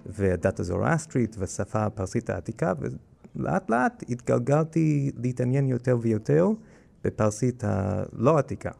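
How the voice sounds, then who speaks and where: A man from the United States with a strong American, native-English accent in Hebrew, explaining things in an interview in a halting way with frequent hesitations. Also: medium pitch, very animated, creaky, a little mellow. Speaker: guest curator of a library collection.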